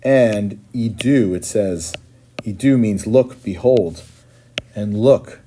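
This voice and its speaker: A man's voice: fairly low pitch, slow pace, warm tone, slight background noise. A man teaching and patiently explaining as he translates line by line, often checking in with "right?".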